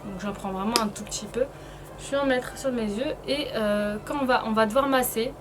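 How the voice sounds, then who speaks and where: Against a noisy background, a woman with a fairly high voice speaks fairly quickly in a relaxed, chatty beauty tutorial. She's a vlogger whose hesitant, informal speech is slightly impeded by painful braces.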